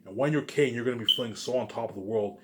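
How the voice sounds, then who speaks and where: Against a noisy background, a man with a mid-range voice talks fast through an off-the-cuff vlog monologue. He rambles emphatically, repeats and revisits his phrases, and swears at times.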